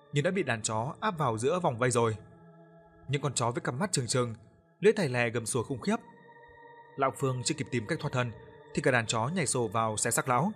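Brief: male storyteller, measured spooky narration, faint music behind. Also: medium pitch, a bit bright. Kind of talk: scripted ghost-story narration.

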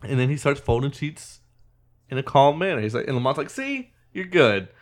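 A man's voice: medium pitch, brisk. A man on a podcast, casually retelling a film scene by scene, acting out quotes and laughing often. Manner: animated retelling with acted-out quotes. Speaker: podcast host. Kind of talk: casual movie recap chat.

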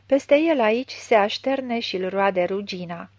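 A woman narrates a literary audiobook in a measured, expressive way. Her voice sits in a middle pitch. The recording is dry and close, with no room sound. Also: no echo. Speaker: audiobook reader.

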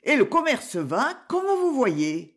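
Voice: high voice, wildly swooping pitch, slow pace, pitched above the performer's own voice, exaggerated voice. A reader voicing an uneasy woman shopkeeper, a former maid, who answers questions anxiously in an audiobook. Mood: explaining. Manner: anxious, pleading.

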